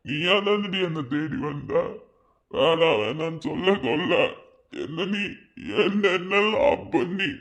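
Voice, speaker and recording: A man's voice: fairly high pitch, animated, slow pace, a bit bright, full character voice. A man voicing a heartbroken young man in a cartoon, pleading insistently with his ex-lover in a Madurai Tamil accent. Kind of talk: cartoon voice acting.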